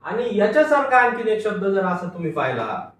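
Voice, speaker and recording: A man's voice: high-pitched, sing-song, fairly quick, fairly bright tone. A male teacher giving a phonics lecture, patiently sounding out each word and repeating it for pupils to read along. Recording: echoey room from far off, faint noise.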